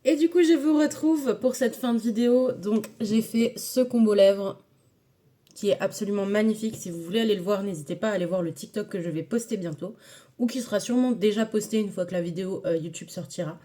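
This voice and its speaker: A woman's voice: mid-range voice, fairly quick, dark tone. A woman casually talking viewers through a makeup tutorial, chatty and enthusiastic, with frequent hesitations. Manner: chatty, filler-heavy, enthusiastic about products.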